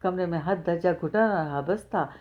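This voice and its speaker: A woman narrating a novel in an even, steady storytelling voice. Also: lowish voice, normal speed, muffled recording. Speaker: audiobook narrator. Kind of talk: reading a novel aloud.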